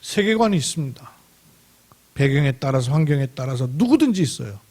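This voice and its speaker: A man's voice: medium pitch, sing-song, a little fast, darkish tone. A man preaching a Sunday sermon as pastor, emphatic and repetitive, stretching out key words. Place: church sanctuary.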